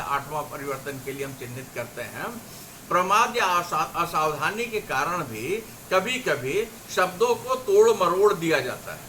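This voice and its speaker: A man giving an academic lecture on linguistics, slowly reading out word pairs as examples. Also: high-pitched, bright, forceful tone, a little hiss or hum, low-quality recording. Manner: slow, deliberate, reads out word pairs as examples.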